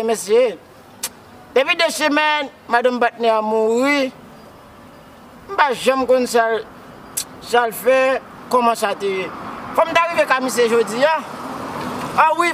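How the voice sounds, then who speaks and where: A man's voice: very high voice, noisy background. A man with a Haitian accent playing a grief-stricken widower who sobs, wails and keeps calling out to Jesus. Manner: repeats words, cries out to Jesus. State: wailing and sobbing. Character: grief-stricken man mourning his dead wife.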